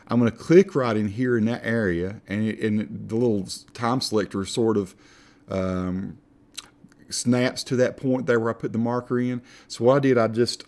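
A man with an Appalachian accent giving a casual, folksy, self-deprecating software tutorial as he talks through each step. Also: lowish voice. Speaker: tutorial instructor.

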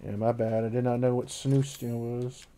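A man's voice: medium pitch, flat delivery, normal speed, warm tone. A man in his thirties, casually chatting and joking as he plays a game on a live stream, swearing freely. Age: 30s. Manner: laid-back, swears a lot, joking.

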